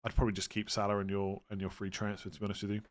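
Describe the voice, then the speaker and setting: A man's voice: fairly low pitch, monotone, very fast. Casual man with a West Country accent. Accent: West Country English. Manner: informal, matter-of-fact, reads questions aloud then answers. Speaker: fantasy football livestream host. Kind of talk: casual livestream chat answering viewer questions.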